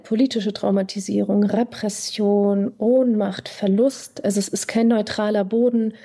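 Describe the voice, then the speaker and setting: A woman psychotherapist, born in Iran, answering interview questions in a thoughtful, deliberate way, pausing to search for words. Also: mid-range voice, warm tone. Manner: thoughtful, deliberate, with pauses and fillers.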